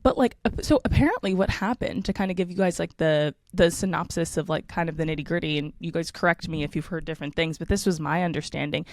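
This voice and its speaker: Hoarse female podcast co-host, lowish voice, dry close sound, chatty and filler-heavy. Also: fast, hardly any pauses, no echo. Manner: leads into stories, lots of fillers. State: hoarse morning voice. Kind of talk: casual chat.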